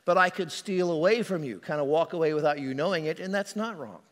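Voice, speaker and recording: A man's voice: a little high, a little fast, in a large hall. A male pastor preaching a sermon in a conversational, storytelling manner.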